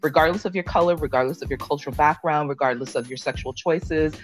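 A woman's voice: low voice, fast, soft background music. A middle-aged woman from Jamaica, a podcast guest, speaking earnestly and laughing readily in casual conversation. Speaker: podcast guest, sex and relationship content creator.

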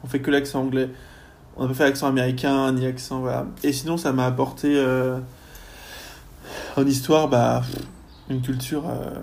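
A young man, a university student, chatting casually in a podcast interview, often pausing on fillers as he thinks. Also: medium pitch, darkish tone. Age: young adult. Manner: chatty, lots of hesitations and fillers.

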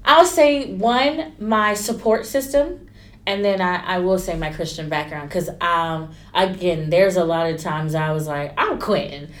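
A woman, a stylist chatting candidly in an interview and acting out quotes with lively turns. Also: on the low side, a little slow. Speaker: stylist and entrepreneur. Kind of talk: casual interview storytelling.

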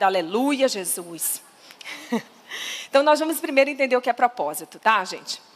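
A woman preaching to women in a lively, emphatic way, often asking the audience questions. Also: on the high side, in a large hall. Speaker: speaker at a women's faith conference.

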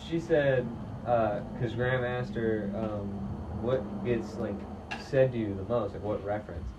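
A man telling a story in a rambling, animated way during a casual chat among friends. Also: fairly low pitch, unhurried. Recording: distant dull lo-fi with noise.

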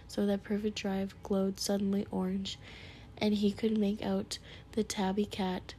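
A woman reading a storybook aloud in a soft, hushed whisper. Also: mid-range voice, a little hiss or hum.

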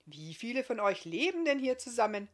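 A woman voicing a gentle, friendly blind male giant with a beard, speaking calmly in a storybook. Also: a little high, brisk, voice pushed up.

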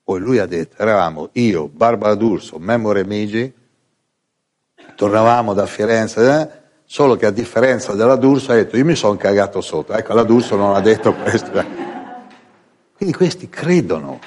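A man telling funny anecdotes to an audience in a lively, casual way, often imitating other people's voices. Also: on the low side, normal speed. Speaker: storyteller.

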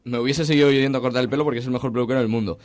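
A young man with a Spain Spanish accent, co-hosting a casual comedy chat and joking in quick banter. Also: mid-range voice, fairly even intonation. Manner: quick jokey banter, acts out little scenes. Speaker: podcast co-host.

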